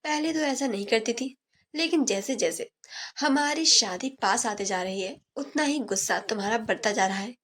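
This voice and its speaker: A woman's voice: a little high, normal speed, fairly bright tone, lightly acted. A woman voicing a young man who pleads and coaxes his fiancée apologetically. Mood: pleading. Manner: coaxing, apologetic.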